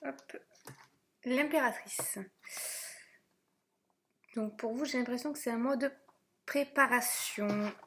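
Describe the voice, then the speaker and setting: Woman, tarot reader, chatty and halting, slightly high voice, faint background hiss. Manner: chatty, hesitant, many fillers and restarts. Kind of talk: casual monthly tarot reading to camera.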